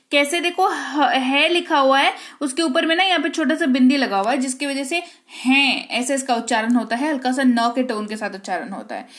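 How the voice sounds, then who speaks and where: A woman teaching English grammar in Hindi. She explains each rule, reads the English example sentences slowly and clearly, and keeps checking in with her students. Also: high-pitched. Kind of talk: Hindi-medium grammar lesson.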